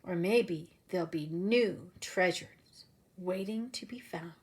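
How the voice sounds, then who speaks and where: Taking her time, a woman with a lowish voice reads a story to small children in a preschool setting. She is expressive, uses easy wording, and poses questions straight to the kids.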